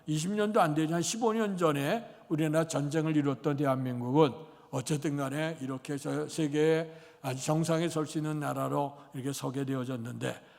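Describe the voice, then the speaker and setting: Male pastor, 60s, fairly high and gravelly, folksy rambling sermon, church reverb. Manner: rambling, anecdotal, many fillers. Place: church sanctuary. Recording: long church hall reverb.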